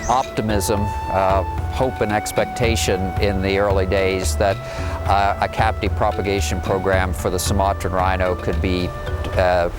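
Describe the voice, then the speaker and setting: A man with a fairly low voice speaks as an expert interviewee in a documentary. He is deliberate and hesitant, with music clearly audible behind him. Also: little pitch movement.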